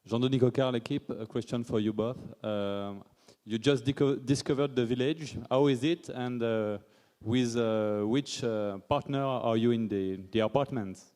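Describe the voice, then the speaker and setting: A man journalist works haltingly through his question, repeating and correcting words. His voice carries a long hall reverb. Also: mid-range voice, darkish tone. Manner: halting, stumbling phrasing. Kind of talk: asking a press question.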